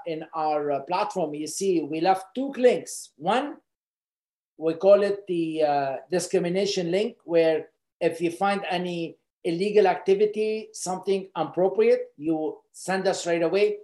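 A man's voice: high-pitched, darkish tone, reverberant. A man from Lebanon, co-founder of a company, speaking earnestly and personally, with frequent fillers and repeated words.

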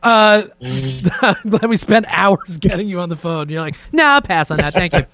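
Over a remote conference call set up with a camera indoors, a man hosts a casual, profane podcast chat, cracking jokes and leading the talk. His voice sits high, is expressive and a bit bright, and moves at a normal speed. His manner is informal throughout.

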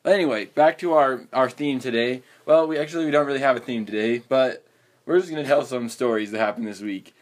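A man's voice: medium pitch, fast. A young man co-hosting a casual podcast, joking around in a laid-back way. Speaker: podcast co-host. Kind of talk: casual chat.

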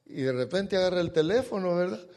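High, lively preacher in a reverberant hall. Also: male voice, fast. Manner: emphatic preaching with rhetorical questions and stretched stressed words. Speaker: pastor. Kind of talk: sermon.

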